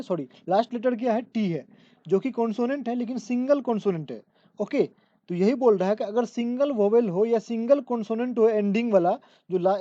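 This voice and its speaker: A woman's voice: a little high, mellow, dry recording. Woman teacher, dull lo-fi dry sound. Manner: repetitive step-by-step explaining, reads English rules out slowly. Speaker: English grammar teacher. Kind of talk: exam-prep lesson.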